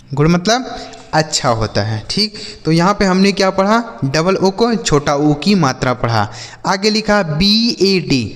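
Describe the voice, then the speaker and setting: A man's voice: a little high, big-room sound. A man teaching children to read, patiently asking questions and answering them himself. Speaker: English teacher. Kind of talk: YouTube reading lesson for children.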